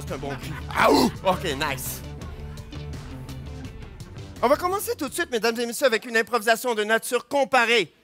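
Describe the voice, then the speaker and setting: Bright high-voiced Québécois improv referee. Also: male voice. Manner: emphatic, showman announcing. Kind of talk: announcing an improv match.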